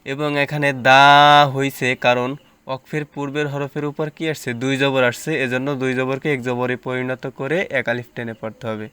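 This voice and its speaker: A man teaching Quran reading, spelling out letters and reciting words slowly between plain explanations. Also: medium pitch, flat delivery, fairly bright tone, clear, resonant tone, no room sound.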